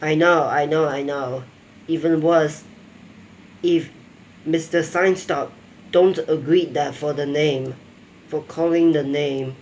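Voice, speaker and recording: Male narrator, mock documentary, slow and hesitant, faint noise behind. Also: fairly high pitch, steady tone. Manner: halting, rambling, non-native phrasing. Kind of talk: improvised storytelling narration.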